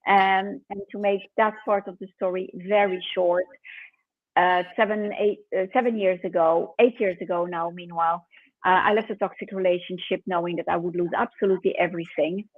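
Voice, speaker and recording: Older french lady guest, candid and steady, sounds like a phone call, dry. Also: on the low side, moderate pace, dry recording. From France. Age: 60s. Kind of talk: conversational interview. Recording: dry tinny phone line.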